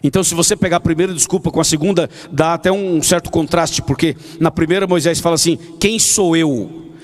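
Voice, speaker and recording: A man's voice: on the high side, steady tone, fast, in a large hall. A man, a pastor, giving an evening prayer sermon in a conversational storytelling way, often asking his listeners questions.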